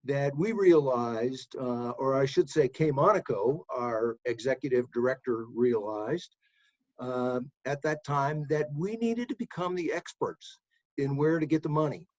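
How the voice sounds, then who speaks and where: A man from an advocacy group speaking on a video call, in a measured, sincere way with hesitant fillers. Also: a little high, a little mellow. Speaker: advocacy organization staff. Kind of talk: panel remarks on a video call. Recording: muffled video call audio.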